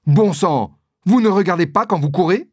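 A man reading a storybook and voicing a quick-tempered male musketeer who speaks in a gruff, irritable way. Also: high-pitched, lively intonation, dry recording, studio quality, pitched above the performer's own voice. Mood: irritated.

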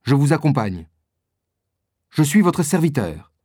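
A man reading a storybook aloud, voicing an eager, courteous young swordsman with a quick delivery. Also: fairly high pitch, big pitch swings, a little mellow, no echo, clean studio sound.

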